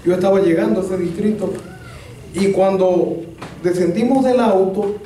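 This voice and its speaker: Man preaching, high voice, lively humorous storyteller; distant mic in a very echoey church hall. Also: normal speed, a little hiss or hum. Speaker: pastor. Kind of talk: storytelling sermon.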